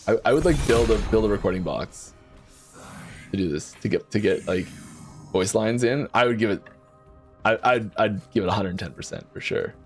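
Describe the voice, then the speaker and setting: A man hosting a casual developer Q&A stream while playing, talking in a lively way and often repeating words and restarting his sentences. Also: fairly low pitch, normal speed, pauses often, soft background music. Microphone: desk mic.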